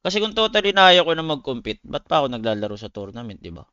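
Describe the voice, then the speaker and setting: On his livestream, a Filipino-accented esports player and game streamer talks quickly in a highish, sing-song voice, pushed and bright yet smooth. His casual style is blunt, slangy, and full of swearing, and he calls viewers buddies. The recording is dry and dull.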